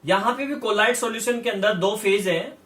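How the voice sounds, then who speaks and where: A man's voice: high-pitched, moderate pace, fairly bright tone, roomy sound, recorded from a distance. A man giving a chemistry lecture, explaining step by step and repeating key terms as he checks that students follow. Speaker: chemistry teacher. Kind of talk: classroom lecture.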